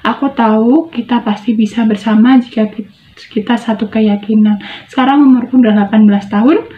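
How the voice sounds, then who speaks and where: A woman's voice: on the high side, fairly even intonation, a little fast, close to an everyday voice. Woman voicing an earnest, ailing teenage boy. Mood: tender pleading. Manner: slangy Jakarta-style boy talk, earnest. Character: sincere, gravely ill teenage boy. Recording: tinny, phone-like, echoey room.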